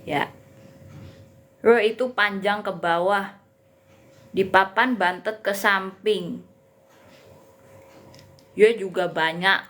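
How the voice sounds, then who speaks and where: A woman teaches Mandarin in an unhurried, chatty way, repeating each sound for her viewers. Her voice sits in a middle register and carries an echo from the room around her. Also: mid-range voice, fairly bright tone. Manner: chatty, repeats pronunciations, addresses viewers often. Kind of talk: live online language lesson.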